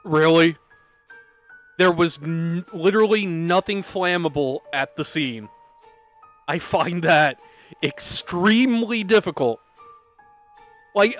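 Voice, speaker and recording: A man's voice: high voice, a bit bright. A man giving casual, reactive commentary while streaming a game, swearing casually. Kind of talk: casual let's-play commentary.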